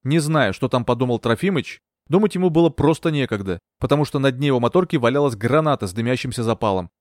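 A man reading a thriller audiobook in steady, even storytelling narration. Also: medium pitch, fast, dry recording, clean studio sound. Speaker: audiobook reader. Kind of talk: scripted narration.

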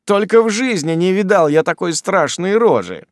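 A man reading a storybook, voicing a brash, bullying young manservant who shouts mocking threats in a loud, raised voice. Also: high-pitched, expressive, moderate pace, no room sound, clean studio sound, voice pushed up.

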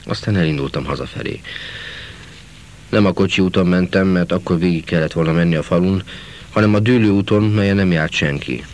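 A man narrating a literary novel in a measured, earnest reading. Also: deep voice, a little mellow. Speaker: audiobook narrator.

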